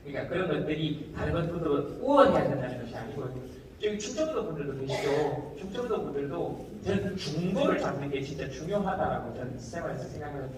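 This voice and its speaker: A comedian gives a talk concert to a live audience in a large hall, animated and jokey, his voice fairly high as he slips into quick impressions of regional speech. The audio is echoey and noisy, picked up from far off.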